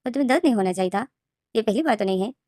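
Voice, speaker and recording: A dominant young man who speaks softly and will not back down, as a woman voices him in a fan-story reading. The delivery is hushed and fast, and the recording is dry and close. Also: fairly high pitch, animated, dry recording, natural voice. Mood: insistent.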